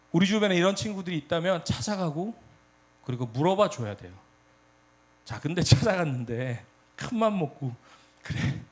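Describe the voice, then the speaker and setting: Animated Korean youth preacher. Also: male voice, a little high. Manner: animated storytelling, addresses audience directly. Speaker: youth pastor. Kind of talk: sermon.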